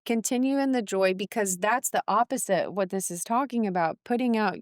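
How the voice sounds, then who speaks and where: Woman, middle-aged, podcast co-host, casual faith chat, smooth voice, dry sound, laughs often. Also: mid-range voice, a little fast, dry recording. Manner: animated, laughing, playful asides.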